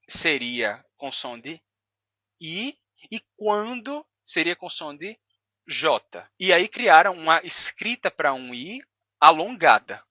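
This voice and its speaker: A man with a Brazilian Portuguese accent explaining language in a video lesson. He talks in a didactic way and repeats sounds slowly to demonstrate them. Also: fairly high pitch, pushed and bright, no echo, highs cut off. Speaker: language educator.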